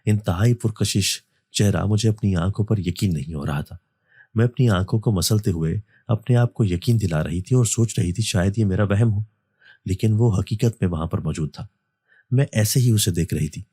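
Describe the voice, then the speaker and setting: Deep-voiced man narrating a horror story. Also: mellow, slightly rough, dry recording, clean studio sound.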